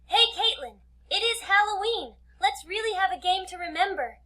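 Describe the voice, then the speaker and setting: A woman's voice: very high voice, animated, moderate pace, bright, forceful tone, full character voice. Woman voicing an eager flirty ninja heroine. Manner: enthusiastic, suggestive. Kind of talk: AI-voiced role-play.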